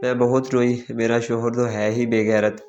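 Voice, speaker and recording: A man narrating a sad, emotional family story in a steady, sorrowful reading. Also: mid-range voice, moderate pace, lo-fi sound. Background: faint background music.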